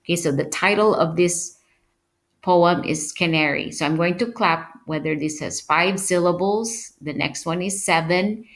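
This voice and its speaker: A woman's voice: lowish voice, measured pace. A woman teacher explaining a lesson to her students, patient, and often checking in with "okay?". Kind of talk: recorded online class lesson.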